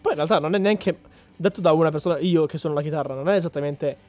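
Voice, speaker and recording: A man's voice: a little high, fast talker, a little mellow, soft background music. A man co-hosting a casual podcast chat, talking in a chatty, self-correcting way and laughing often. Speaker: podcast co-host.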